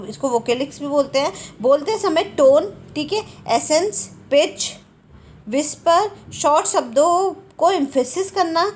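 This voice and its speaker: A woman gives an exam-prep lesson. She keeps a lively classroom rhythm, asking questions and answering them herself. She checks in often as she explains. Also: high voice, slight background noise. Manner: lively, asks and answers her own questions, repeats "theek hai". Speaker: teacher.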